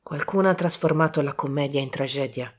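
A calm, grave older detective, as a woman narrator puts him on, with a lowered, hushed voice. He talks in slow, measured phrases and stays quiet and serious. The voice sits a little deeper than her own reading voice. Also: breathy edge.

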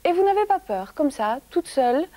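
A woman's voice: high voice, very animated, moderate pace, dark tone, pitched above the performer's own voice. A woman voicing a tall, gaunt stranger from far away who asks short, odd questions. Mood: curious. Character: tall, gaunt, mysterious stranger man from abroad.

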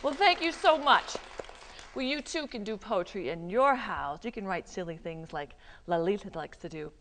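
A woman leading a live children's yoga class in a library, coaxing and animated, with Spanish words sprinkled in. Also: mid-range voice, moderate pace, in a large hall, slight background noise. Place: public library room, live audience.

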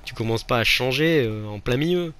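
A man's voice: mid-range voice, lively intonation, moderate pace, a bit bright. A man giving casual let's play commentary, mocking himself and exclaiming at each failed attempt. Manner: self-mocking, exclaims and laughs at his own failures. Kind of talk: gameplay commentary.

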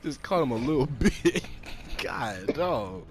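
A young man chatting casually and excitably while playing a shooter game with a friend, in slangy talk. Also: on the high side, slow pace. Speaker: gamer. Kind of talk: casual gaming chat. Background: game music and gunfire.

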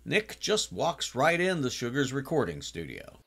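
An older man talks through a TV episode in a relaxed, chatty recap, and his mid-range voice rises and falls a lot. He now and then bursts into animated exclamations, and the whole thing sounds casual and personal rather than scripted. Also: mid-range voice, normal speed, noisy background. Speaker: TV series reviewer.

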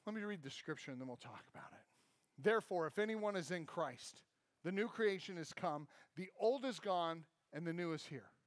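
A man in his thirties delivers a sermon from a church stage, pacing and gesturing as he talks. His voice sits high for a man. The sound is dry and close, with little room echo. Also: expressive, normal speed. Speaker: pastor. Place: church stage, large indoor hall.

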